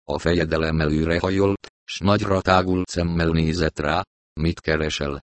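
Deep-voiced male audiobook narrator. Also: fairly even intonation, no room sound.

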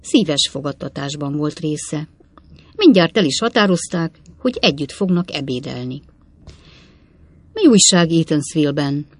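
A woman narrating a classic novel for an audiobook, measured and expressive. Her voice sits low and husky. The recording is dry and close, with no room sound. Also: no echo.

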